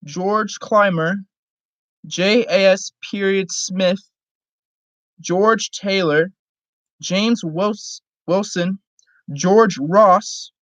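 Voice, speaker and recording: Very slow, solemn reading, dull lo-fi sound. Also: mid-range voice, a bit bright, dry recording. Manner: halting, stumbles over words and rereads them. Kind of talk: solemn reading aloud of a formal historical document. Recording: dull lo-fi recording.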